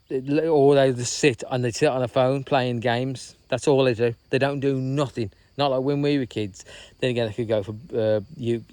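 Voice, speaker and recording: A chatty man talks in a loose, rambling way while walking outdoors by a reservoir, often tagging on "you know what I mean". His voice sits at a middle pitch and sounds dry and close to the mic. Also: a little mellow, no room sound. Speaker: vlogger. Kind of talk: casual walking vlog chat.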